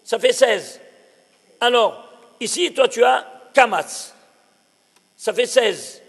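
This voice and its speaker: An animated male rabbi gives a slow Torah lesson in a hall with long, lingering reverb. His very high voice has a gravelly edge, and he keeps exclaiming and putting questions to his listeners.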